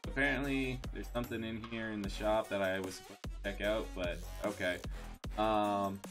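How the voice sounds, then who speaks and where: Brief: low-pitched guy streamer, casual and grateful, lots of uh and restarts, faint music under him. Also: steady tone, moderate pace. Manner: rambling and thankful, with many fillers and restarts. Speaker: live game streamer. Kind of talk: casual live-stream chat.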